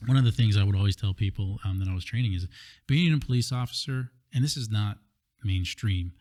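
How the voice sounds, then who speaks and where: A man raised in Hawaii hosts a casual podcast chat on a studio mic. His voice sits a little low, and he talks in a relaxed, reflective way, full of "you know" and "um." He shares lessons from his years as a police officer. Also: brisk. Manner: relaxed, reflective, with frequent fillers. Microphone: studio microphone.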